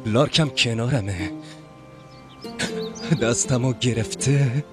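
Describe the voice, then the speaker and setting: An actor dubbing an anxious young man who repeats calming phrases to himself. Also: medium pitch, music in the background, lightly acted. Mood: dazed. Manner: jittery, pleading. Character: anxious nervous young man chanting self-calming lines. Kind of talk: film dubbing.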